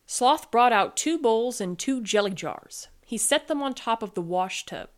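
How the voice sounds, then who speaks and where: A woman reading a children's storybook aloud, gentle and playful with the sound words. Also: on the high side, expressive, measured pace. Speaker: podcast reader.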